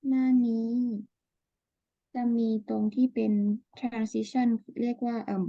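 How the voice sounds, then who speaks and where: A young woman from Northern Thailand, a student answering her tutor softly and hesitantly. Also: on the high side, level tone, slow pace, vocal fry, no echo, muffled recording.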